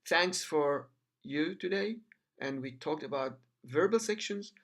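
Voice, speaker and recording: Slow, bright-voiced man drilling words. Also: a little high, lively intonation. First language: Arabic. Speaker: Arabic teacher. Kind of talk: bilingual language lesson.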